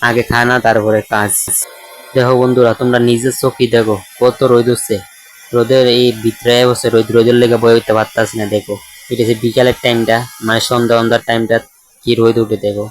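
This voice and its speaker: A man's voice: mid-range voice, level tone, quick pace, a little hiss or hum, poor audio. A man, narrating his daily vlog as a chatty voice-over that keeps talking to the viewers. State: hoarse. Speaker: vlogger.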